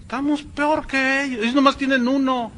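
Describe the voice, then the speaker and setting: A man's voice: very high-pitched, level tone, moderate pace, bright, forceful tone. A man preaching a sermon as pastor, emphatic and speaking straight to the congregation with sarcastic asides.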